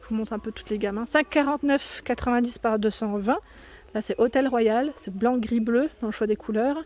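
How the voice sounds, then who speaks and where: A woman with a fairly high voice strolls through a big store, recording on her phone. She reads off prices, sizes and product labels in a chatty, unpolished way, stopping to correct herself. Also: a little mellow. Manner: chatty, reading prices and labels aloud with fillers and self-corrections. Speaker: shopping vlogger. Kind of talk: casual store walkthrough. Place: inside a large discount store.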